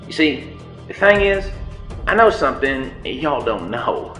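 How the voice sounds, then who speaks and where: A man's voice: mid-range voice, very animated, measured pace, bright, forceful tone. An actor playing a smug scheming villain who taunts his captives with theatrical menace in a comedy sketch. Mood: gloating. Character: smug scheming villain man, folksy drawl. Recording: echoey room with music bed.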